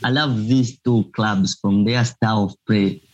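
A man's voice: fairly low pitch, steady tone, a little slow, dull audio. A young man from Zambia, a student guest in a casual interview, speaking hesitantly with many fillers. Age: young adult.

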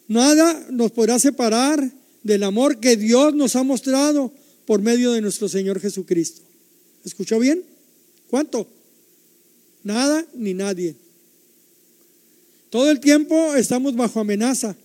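A man's voice: very high-pitched, warm tone, big-room sound. An older man preaching a sermon, emphatic and repetitive, putting rhetorical questions to his listeners.

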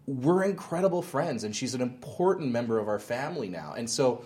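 A man's voice: mid-range voice, big pitch swings, fairly quick, darkish tone. A man in his thirties, a ministry founder, talking earnestly in an interview and telling stories with frequent restarts. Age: 30s. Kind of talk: interview conversation.

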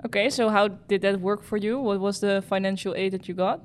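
A woman's voice: medium pitch, fairly even intonation, brisk. Woman hosting a podcast. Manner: encouraging, frequent short backchannels. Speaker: podcast host. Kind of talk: podcast interview.

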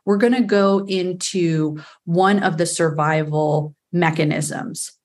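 A woman's voice: fairly low pitch, fairly even intonation, slow, darkish tone. A woman with a New York accent, a guest on a podcast interview, explaining earnestly with frequent fillers. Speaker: attachment specialist guest.

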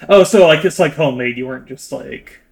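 A man's voice: medium pitch, fairly quick, gravelly. A man co-hosting a podcast in casual chat, with a loose, wry and hedging way of talking. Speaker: podcast co-host.

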